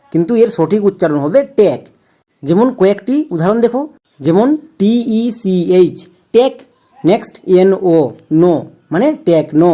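A woman's voice: mid-range voice, warm tone. A woman teaching English pronunciation, patiently spelling out letters and then repeating each sound. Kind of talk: spelling-out lesson for learners.

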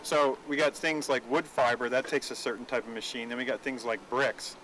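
A man's voice: mid-range voice, steady tone, fairly quick, fairly bright tone, far from the mic, rough recording. Casual, curious middle-aged guy asking questions outdoors, mic set back, light outdoor hiss. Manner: friendly, inquisitive. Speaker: interviewer, technical director. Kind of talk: on-site interview. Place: outdoors at a recycling yard.

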